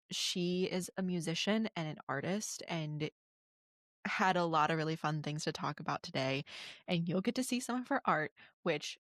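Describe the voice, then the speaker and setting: Enthusiastic woman podcast host, lowish voice. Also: no echo, studio quality. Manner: enthusiastic, many filler ums. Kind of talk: casual podcast hosting.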